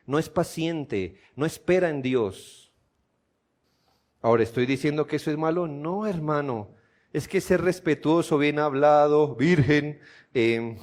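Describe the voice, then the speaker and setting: A man with a Colombian accent preaching a sermon as pastor in a church, asking his listeners rhetorical questions and building to loud, emphatic peaks. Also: fairly high pitch. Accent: Colombian Spanish.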